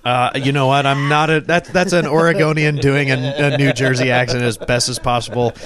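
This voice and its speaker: A man's voice: mid-range voice, fairly even intonation, fairly quick, crowd noise. A man in a casual movie commentary, cracking dry jokes and laughing between them. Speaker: podcast co-host.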